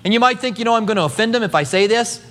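A middle-aged pastor preaches a sermon, animatedly telling humorous stories. His voice sits high and comes out rapid-fire, trailed by a long reverb tail.

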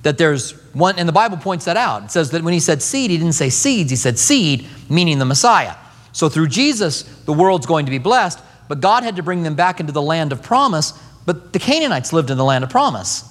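Animated high-voiced man preaching. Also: brisk, in a large hall. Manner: animated storytelling with humor. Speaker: pastor. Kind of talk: sermon.

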